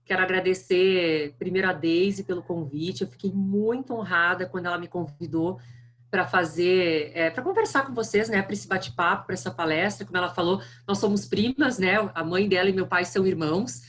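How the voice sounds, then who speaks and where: A middle-aged woman with a strong southern Brazilian accent gives a friendly, chatty guest lecture online over a video call. Her lowish voice has a fairly bright tone at normal speed, with slight background noise.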